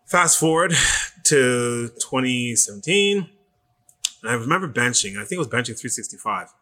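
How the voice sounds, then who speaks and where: A middle-aged man from Canada, a personal trainer telling stories in casual podcast talk, animated and profane. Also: mid-range voice, moderate pace.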